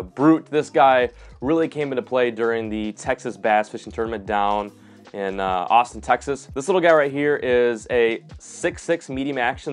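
A young man hosting his own fishing channel, talking casually and enthusiastically through his rods and reels in a home studio, with slangy asides. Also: mid-range voice. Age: young adult. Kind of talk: casual gear review talk. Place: indoor home studio room.

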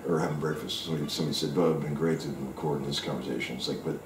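Deep-voiced man guest, loose and frank, swears casually, recorded from across a roomy kitchen. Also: fairly even intonation, rapid-fire, noisy background. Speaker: session guitarist guest. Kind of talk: casual interview talk. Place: kitchen at home, indoors. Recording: roomy kitchen sound from a distant mic.

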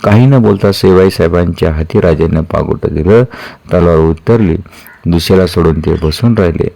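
A man reading a historical novel aloud as narrator, in steady, earnest storytelling. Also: deep voice, normal speed, creaky.

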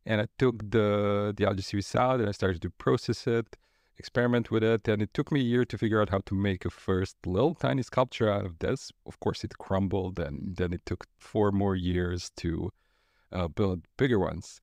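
Laid-back man, fairly low voice. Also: normal speed, dry recording, clean studio sound. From Croatia. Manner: relaxed, rambling with frequent fillers and laughs. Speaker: guest artist. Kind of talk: casual interview talk. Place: studio.

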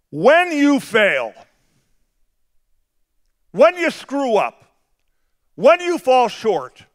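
A middle-aged male pastor with a big, somewhat high voice preaches a sermon. He swings between quiet, conversational asides and shouting, stretching out key words for emphasis.

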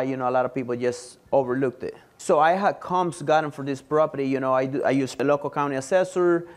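A man in his thirties from Honduras, giving a matter-of-fact presentation in a meeting room with a lapel mic. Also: medium pitch. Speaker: student giving a testimonial. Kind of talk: presentation talk.

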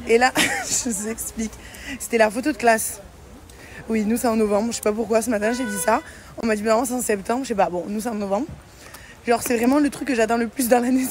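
A young woman vlogger and mother chatting casually to camera, repeating words and using many fillers. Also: fairly high pitch. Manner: chatty, repeats words, fillers, warm toward her daughter.

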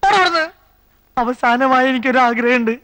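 A high-pitched, sharp-voiced comic film character, starving and full of self-pity. He moans and whines melodramatically, as though these were his dying breaths. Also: a little fast, no echo. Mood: whining, self-pitying. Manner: whining, self-pitying, as if on his deathbed. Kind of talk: film comedy acting.

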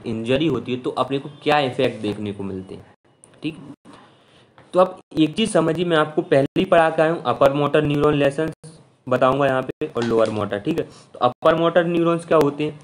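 A man's voice: medium pitch, a little hiss or hum. Male lecturer, casual explainer tone, mid-range voice, keeps asking "okay?". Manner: chatty teaching, constant "theek hai" check-ins; mixes English terms into Hindi speech. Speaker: physiology lecturer.

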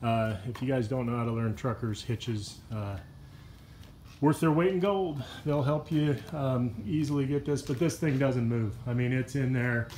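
A man's voice: mid-range voice, moderate pace, slight background noise. Laid-back man rambling behind a phone camera. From Washington state. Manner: relaxed, rambling, lots of uh and you know. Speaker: kayak fishing vlogger. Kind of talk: casual walkaround vlog. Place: outdoors beside a pickup truck by a brick wall. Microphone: handheld phone camera, filming himself off-screen.

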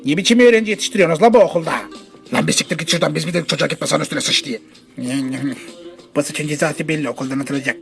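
A man voicing a stern, crude, gruff school principal in a comedy parody dub. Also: fairly high pitch, rapid-fire, soft background music. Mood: stern, threatening.

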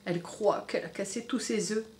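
A woman teacher reading a storybook aloud to young children, expressive and stopping to comment to them directly. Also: mid-range voice, a little fast, slight background noise.

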